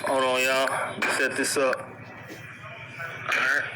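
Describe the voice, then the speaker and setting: A man's voice: mid-range voice, completely flat delivery, takes it slowly, reverberant, noisy background. A man giving casual religious commentary on a news report, with emphatic, preachy rhetorical questions.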